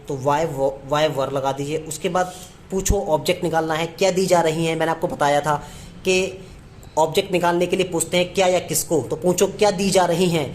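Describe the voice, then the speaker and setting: Male tutor, patient drilling delivery, slows right down on examples, faint background hiss. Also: fairly high pitch. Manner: repetitive question-and-answer teaching, slows down to spell out English phrases. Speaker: English teacher. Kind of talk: classroom lesson in Hindi.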